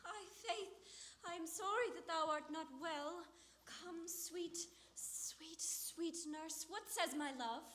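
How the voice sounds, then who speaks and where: A woman's voice: very high voice, moderate pace, bright, forceful tone. A woman acting an eager, impatient young girl in love on a theatre stage, pressing with urgent questions. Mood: pleading. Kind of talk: live stage acting of verse drama. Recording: roomy theatre stage sound.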